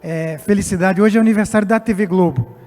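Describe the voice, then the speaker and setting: A Portuguese executive in his late fifties speaks fairly quickly in a high-pitched, slightly mellow voice. Appearing as a guest speaker on stage at a live event, he offers a semi-formal yet somewhat hesitant address while music plays in the reverberant hall.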